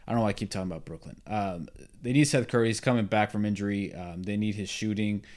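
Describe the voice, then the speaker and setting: A man's voice: on the low side, quick pace, darkish tone. A young man hosting a sports podcast alone, talking casually and with strong opinions, full of fillers and restarts. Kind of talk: solo casual sports talk.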